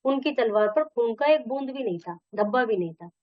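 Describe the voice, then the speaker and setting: A woman's voice: a little high, expressive, fairly quick, no room sound, lightly acted. A woman reading the lines of a fierce male warlord from a textbook story, in a dull, dry recording. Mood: commanding. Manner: reading dialogue aloud from a textbook. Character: fierce male conqueror, warlord, softened by a boy's courage.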